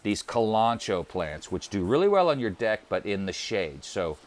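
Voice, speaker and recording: A man with a somewhat low voice leads a relaxed tour of his deck garden. He talks plainly and easily, with the odd "uh" and "um", like a gardening host chatting to his viewers outdoors. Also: moderate pace. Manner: relaxed, friendly, plainspoken with fillers. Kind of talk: casual garden tour walkthrough.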